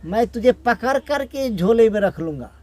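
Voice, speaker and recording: A man's voice: high voice, lively intonation, moderate pace, a little mellow, voice pushed up. A man playing a clever, boastful male wanderer who talks in a confident, bossy way.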